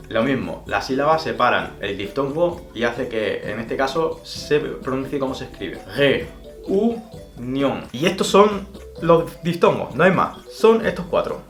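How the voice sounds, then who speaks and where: In a roomy, echoing space with faint music, a man with a medium-pitched, fairly bright voice teaches German pronunciation. A native Spanish speaker, he demonstrates each word slowly and carefully.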